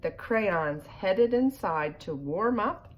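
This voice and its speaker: Sitting by a living-room fireplace, a middle-aged woman reads a picture book to children, slipping in offhand comments. She speaks slowly with a medium pitch and lively intonation. A phone set up in front of her captures lo-fi home audio with noise in the background.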